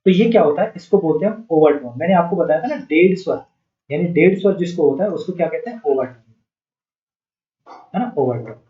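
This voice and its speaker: A man's voice: a little high, animated, fairly quick. Man teaching music theory, echoey. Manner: asks rhetorical questions and answers them himself. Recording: dull, echoey room sound.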